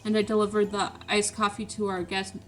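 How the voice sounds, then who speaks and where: A woman voices a fussy, prim bellboy giving testimony in a game. He is stiffly formal and tacks "sir" onto his answers, at a middling pitch, with faint music playing behind. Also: level tone, fairly quick, lightly acted. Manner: formal, ends lines with a clipped "sir". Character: prim, fussy male hotel bellboy witness.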